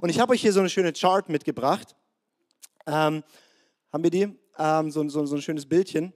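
High-voiced preacher, lively and chatty. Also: male voice, moderate pace. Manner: lively, conversational, acts out biblical voices. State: strained voice this morning. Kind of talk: sermon.

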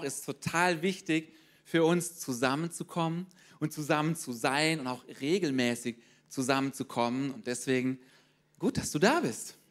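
With a voice on the higher side, this man preaches as a pastor, addressing his congregation head-on in an animated way and regularly tossing out short questions to keep them engaged.

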